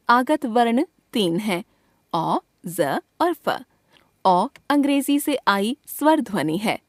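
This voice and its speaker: A woman teaching from a school textbook, reading it out slowly and deliberately, spelling out each letter and example. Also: mid-range voice, no room sound, studio quality.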